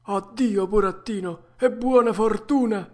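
A woman's voice: medium pitch, a little mellow, pitched above the performer's own voice, natural voice. A woman voicing a resigned, philosophical old male tuna with a harsh, cracked voice, reading a storybook aloud. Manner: slow, grave and sententious.

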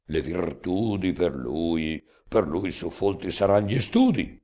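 A man giving a slow, declamatory recitation of epic poetry, with sweeping rises and falls. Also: low-pitched, very animated, dark tone. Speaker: reader. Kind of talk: dramatic recitation of epic verse.

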